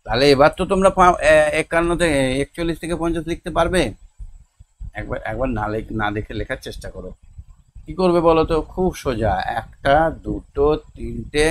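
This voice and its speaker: A man, tutoring young children through homework, counting slowly and drilling words one by one. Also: fairly high pitch, lively intonation, a little hiss or hum. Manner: slow, patient counting and word-by-word pronunciation drills. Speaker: teacher.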